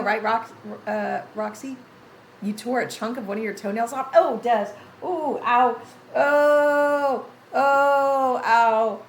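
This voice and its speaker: Gravelly-voiced woman in her sixties chatting. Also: on the low side, roomy sound, slight background noise, rough recording. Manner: rambling, reads chat names aloud, many restarts. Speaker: gaming livestream host. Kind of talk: casual chat with live chat readers.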